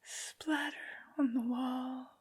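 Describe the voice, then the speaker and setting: A woman's voice: high-pitched, steady tone, heavily acted. Woman playing whispering, haughty vampire Lady Dimitrescu. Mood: gloating menace. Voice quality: breathy, mostly whispered. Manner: slow, deliberate, condescending, drawn-out phrasing. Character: tall, evil, haughty aristocratic vampire woman, menacing. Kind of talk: soft-spoken ASMR villain roleplay.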